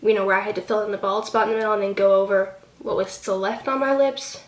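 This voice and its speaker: Sounding slightly congested from a cold, a young woman reviews a product for her beauty vlog in a chatty, filler-heavy ramble. Her mid-range voice is steady and quick. The mic is distant, the room echoes, and there's a faint hiss.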